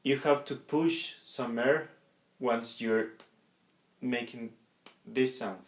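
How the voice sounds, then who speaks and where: Slow-paced man teaching in an echoey room. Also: mid-range voice. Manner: halting, step-by-step explaining with repeated words. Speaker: instructor demonstrating body percussion sounds. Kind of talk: instructional demonstration.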